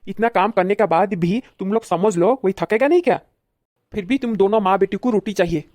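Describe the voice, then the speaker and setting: एक महिला द्वारा निभाया गया चिढ़ा हुआ भाई, जो सूखी, बिना गूँज वाली रिकॉर्डिंग में सीधे-सपाट डाँटता है।. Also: female voice, mid-range voice, brisk, a little mellow, no room sound, studio quality, close to an everyday voice. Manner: blunt, scolding. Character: irritated brother defending his wife. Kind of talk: comedy skit acting.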